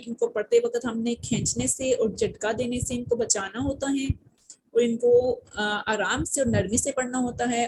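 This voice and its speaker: A woman teaching Quran reading in an online tajweed lesson, explaining briskly and then drilling letter sounds slowly one by one. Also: a little high, a little mellow, a little hiss or hum, low-quality recording. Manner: slow, drilled letter-by-letter recitation.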